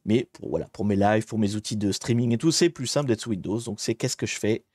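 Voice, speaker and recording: This man's voice is on the low side, fairly quick and a little mellow, with clean studio sound and no room ambience. He's livestreaming a hacking challenge, commenting in a chatty, rambling way and frequently interrupting himself.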